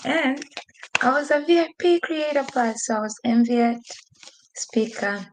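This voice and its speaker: A woman with a high-pitched, unhurried voice hosts a casual podcast live stream from the desk by a window in the home she just moved into. She chats and rambles with frequent laughs, mentioning that she is losing her voice. A computer microphone picks her up along with background noise.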